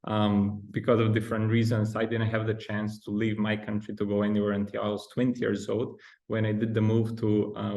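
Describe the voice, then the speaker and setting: A Bulgarian man in his thirties, a guest researcher on a podcast interview, explains things in a Bulgarian accent with frequent ums and restarts. His voice is fairly low and a little mellow, and he sounds hesitant.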